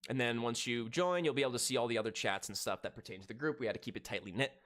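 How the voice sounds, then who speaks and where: A man's voice: medium pitch, racing, a bit bright. A man in his thirties chatting casually with viewers during a live game stream, laid-back and profane. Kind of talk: casual live-stream chat while gaming.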